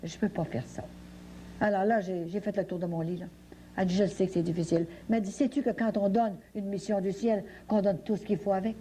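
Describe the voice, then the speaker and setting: A woman's voice: medium pitch, fairly even intonation, fast, mellow, a little hiss or hum, low-quality recording. A woman gives a folksy personal testimony at a religious retreat, telling her story with many fillers and repetitions. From French Canada. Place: retreat hall.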